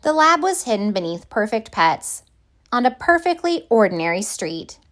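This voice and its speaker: In a fairly high voice, a woman storyteller reads a children's picture book aloud, taking her time and phrasing things expressively.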